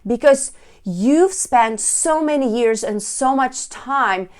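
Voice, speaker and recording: A woman with a somewhat high voice gives an instructional talk in the role of a speaking coach. She phrases things deliberately and speaks straight to the listener in an encouraging way. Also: expressive, darkish tone.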